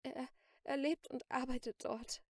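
A woman reading an audiobook, voicing an adult saleswoman in an art gallery who speaks in a brisk, matter-of-fact way. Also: high-pitched, fairly even intonation, a little mellow, no echo, clean studio sound, pitched above the performer's own voice. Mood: frightened. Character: adult female gallery saleswoman, cool then frightened.

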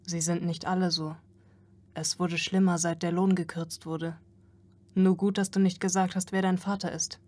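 A woman voicing a calm, grave half-machine man who speaks plainly and quietly in a storybook reading. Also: on the low side, moderate pace, close to an everyday voice.

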